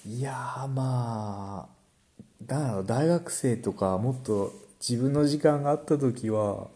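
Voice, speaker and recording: A man's voice: mid-range voice, takes it slowly, mellow. A man with a Kansai Japanese accent co-hosting a casual podcast with his wife, easygoing, with frequent backchannels and chuckles. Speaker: podcast co-host. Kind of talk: casual couple chat.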